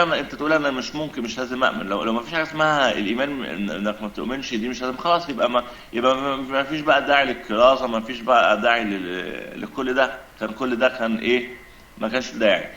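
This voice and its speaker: A man's voice: mid-range voice, pushed and bright, reverberant, muffled recording. A man with an Egyptian accent, arguing his point insistently in a religious debate and explaining it with everyday examples. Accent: Egyptian Arabic.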